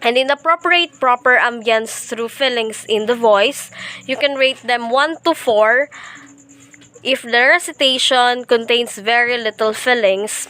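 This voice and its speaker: A young woman from the Philippines reading a class report aloud, slowly and carefully, with small slips and restarts. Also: on the high side, fairly bright tone. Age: young adult. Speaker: student presenter.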